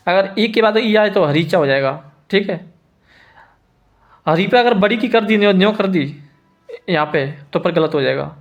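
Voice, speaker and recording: Male teacher, a little high-pitched, patient and repetitive, drilling spelling rules. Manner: repeats each word slowly, asks students if they follow. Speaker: Hindi teacher. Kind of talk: spelling lesson.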